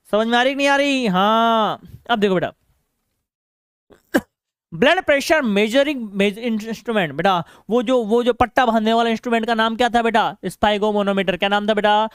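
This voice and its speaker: High-voiced male teacher, playful and scolding. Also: a bit bright, clean tone, dry recording, studio quality. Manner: playful scolding, keeps asking "beta?" and answering himself. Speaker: biology teacher. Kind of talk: classroom lecture.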